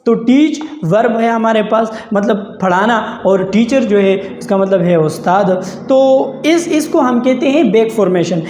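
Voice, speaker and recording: A man talks through an English lesson in a halting, explanatory way, often pausing on filler sounds and repeating himself. The recording is roomy and echoey. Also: high voice, darkish tone, a little hiss or hum. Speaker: English language teacher. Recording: echoey room.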